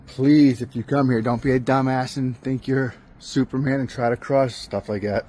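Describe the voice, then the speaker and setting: An urbex vlogger with a medium-pitched, steady, darkish voice at a moderate pace narrates casually as he walks outdoors and through a large abandoned industrial building. He's plain-spoken and corrects himself along the way, with a little hiss or hum on the audio.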